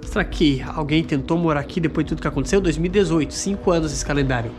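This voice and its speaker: A man's voice: a little high, fast. A man with a southern Brazilian accent giving casual commentary while exploring an abandoned wooden house. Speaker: paranormal investigation vlogger. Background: loud music.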